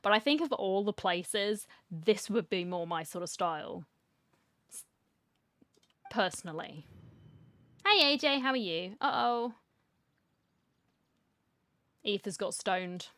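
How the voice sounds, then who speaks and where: A woman's voice: mid-range voice, expressive, measured pace, a bit bright, no room sound. A woman streamer giving playful, chatty commentary while playing a story game, reacting aloud and reading lines along. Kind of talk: casual gaming commentary.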